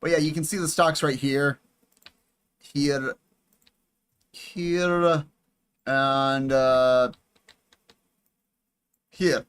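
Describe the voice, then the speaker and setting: A young man giving casual, excitable commentary over a strategy game, swearing and chatting with viewers. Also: mid-range voice, very slow, long pauses, clear, resonant tone. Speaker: gaming YouTuber.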